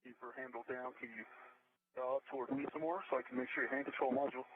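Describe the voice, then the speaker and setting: A man's voice: mid-range voice, fast. A man speaking as an astronaut over a narrow space-to-ground radio link, in clipped procedural talk. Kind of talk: radio communication. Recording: tinny radio link with hiss.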